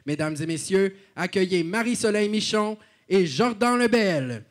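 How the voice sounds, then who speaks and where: A man's voice: high voice, animated, measured pace. A man works as an event announcer. He presents the hosts like an arena announcer, reading a prepared introduction to a gala audience.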